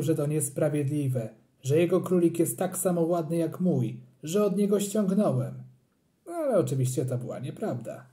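An audiobook reader narrating a children's story in an animated, playful way. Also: medium pitch.

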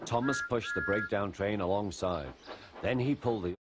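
A man reading a children's story aloud in a gentle, expressive storytelling style. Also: fairly low pitch, moderate pace, very noisy. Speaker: narrator. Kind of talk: scripted storybook narration. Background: music.

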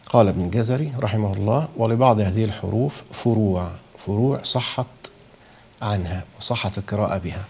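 Teaching letter sounds with an Egyptian Arabic accent, this Quran recitation teacher repeatedly makes sure listeners keep up and voices the sounds to demonstrate. He talks fairly quickly in a low, darkish voice with vocal fry. A faint hiss or hum runs under the audio.

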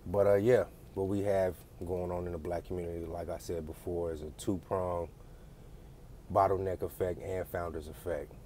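A man's voice: deep voice, flat delivery, normal speed, warm tone, a little hiss or hum. A man giving a blunt, profane, lecturing rant straight to his audience. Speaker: vlogger. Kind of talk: casual ranting monologue.

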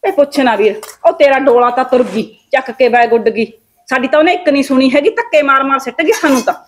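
A woman playing a nagging village mother. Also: sits high. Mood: indignant. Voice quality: quick, complaining. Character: nagging scheming village mother, middle-aged. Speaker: scheming mother. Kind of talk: village family drama acting.

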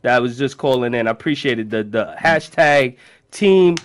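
A man's voice: mid-range voice, expressive, normal speed, dry recording. A man in his thirties with a Brooklyn accent hosts a radio show from a studio, bantering casually in slang, swearing and repeating his phrases. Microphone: close studio microphone with headphones.

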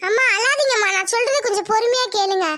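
A grave, measured hospital doctor in a cartoon, as a woman voices her, soothing a worried mother. Her voice is pitched up high and sounds bright. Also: no room sound.

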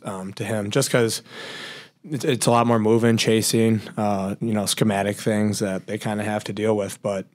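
Young man rambling at a press table. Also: lowish voice. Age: young adult. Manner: rambling, casual, many fillers. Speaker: college basketball player. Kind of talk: postgame press conference answers. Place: press conference room. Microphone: table mic.

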